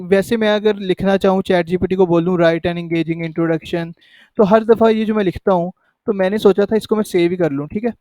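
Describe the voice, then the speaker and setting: Male tutor, high and mellow, dry close sound, chatty walkthrough. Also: no echo. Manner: conversational, repeats "ठीक है" to check in. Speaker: tutorial host. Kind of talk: casual screen-recorded tutorial.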